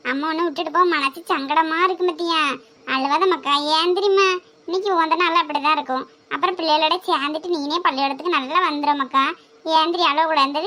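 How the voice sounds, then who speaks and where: A woman's voice: sits high, steady tone, fast talker, pushed and bright. A woman playing an anxious, doting mother who coaxes her son and fusses over him. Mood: coaxing. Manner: coaxing, fussing and pleading.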